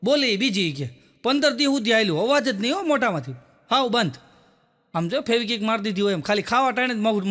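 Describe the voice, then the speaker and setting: A male comedian tells jokes as stories. His voice sits very high and sounds bright and forceful. He keeps switching into the people he quotes and sprinkles little repeated filler words. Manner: storytelling with quoted dialogue, repeats "ke, ke". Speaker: stand-up comedian. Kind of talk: Gujarati joke telling.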